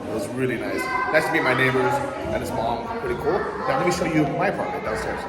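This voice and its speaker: A man's voice: mid-range voice, animated, quick pace, over a noisy crowd. A man hosting a casual travel vlog, chatty and asking questions as he walks city streets. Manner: chatty, laughs often, asks questions. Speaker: travel vlogger host. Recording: noisy street recording.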